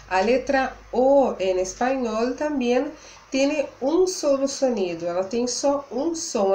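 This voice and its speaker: A woman teaches a language lesson, explaining patiently, slowing down to model words and checking in with her students. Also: a little high, darkish tone, echoey room, slight background noise. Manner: switches between two languages, checks in with "né?". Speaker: Spanish teacher.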